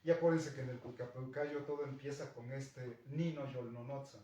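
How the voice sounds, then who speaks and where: A man's voice: medium pitch, fairly even intonation, moderate pace, warm tone. A man with a Mexican Spanish accent teaching a Nahuatl class, patiently explaining and checking in with his students. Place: school classroom. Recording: echoey classroom, distant mic, faint noise.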